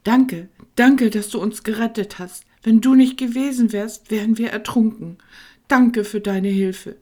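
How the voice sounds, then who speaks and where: A woman's voice: fairly high pitch, a little slow, a little mellow, voice pushed up. A woman voicing a sheepish boy in a children's audiobook, eager and apologetic, who blurts things out. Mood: grateful. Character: sheepish boy, former dragon hunter.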